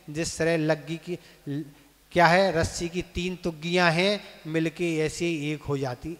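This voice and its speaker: A monk leads a scripture lesson in a temple, speaking slowly and deliberately in a high voice. He pauses to quiz his listeners and has them repeat each verse after him, syllable by syllable. The sound carries a long reverb from the temple hall, recorded for a live broadcast. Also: a bit bright. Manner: asks the audience questions. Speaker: Jain monk teaching scripture.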